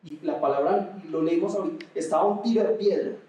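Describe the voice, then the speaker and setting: A man preaching a sermon with passion, at times raising his voice almost to a shout. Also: high-pitched, fast, muffled recording, crowd noise. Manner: impassioned preaching, rising to near shouts at times. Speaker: pastor. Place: large echoey auditorium. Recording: echoey hall, mic at a distance.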